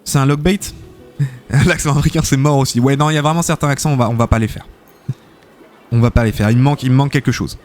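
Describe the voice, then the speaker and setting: Man, live-stream game commentary, chatty, filler-heavy, mid-pitched voice, faint music behind. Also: steady tone, fast, long pauses. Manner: chatty, thanks viewers often, many fillers and "hein". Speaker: streamer hosting a tournament.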